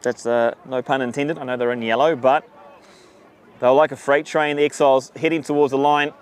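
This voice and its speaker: A man giving live rugby commentary outdoors, chatty and excitable, greeting viewers between plays. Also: mid-range voice, a little fast, clear, resonant tone. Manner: chatty, excitable, gives shout-outs to viewers. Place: outdoors at a sunny rugby ground.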